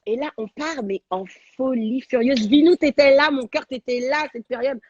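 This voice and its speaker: Husky woman telling a story excitedly. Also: on the high side, moderate pace, dry recording, highs cut off. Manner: animated, slangy, dramatic retelling. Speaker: talk show guest, radio and TV presenter. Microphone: video call on a livestream.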